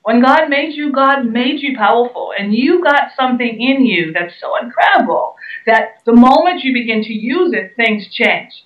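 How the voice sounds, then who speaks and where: A woman's voice: a little high, lively intonation, moderate pace. A woman from the Bahamas answering interview questions in an earnest, emphatic way, leaning on repeated key words. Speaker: guest speaker and entrepreneur. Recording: roomy, distant, dull sound.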